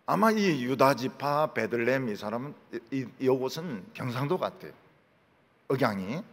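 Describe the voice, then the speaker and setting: A man from Busan with a Gyeongsang accent, preaching a sermon and acting out dialect lines in lively storytelling. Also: mid-range voice, moderate pace. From Busan, South Korea. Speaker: pastor. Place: large church sanctuary. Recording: long church hall reverb.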